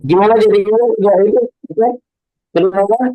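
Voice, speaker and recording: A man's voice: high voice, moderate pace, dark tone. A male religious teacher explaining things with frequent hesitations, heard over a bad video-call connection that keeps breaking up. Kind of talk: online teaching talk. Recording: dull lo-fi call audio.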